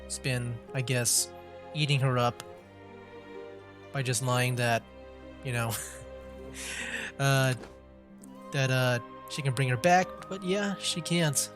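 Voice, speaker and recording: A gaming streamer with a medium-pitched voice offers casual let's-play commentary on a story game, chatty and full of fillers and laughs. He takes it slowly and pauses often. Music plays under his voice.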